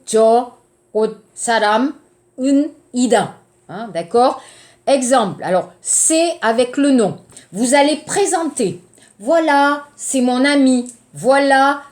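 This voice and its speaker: A woman teaching a grammar lesson to a class, explaining slowly and checking in often. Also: high-pitched, a little mellow. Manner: slow, deliberate explaining with checks like ok and d'accord. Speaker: French teacher.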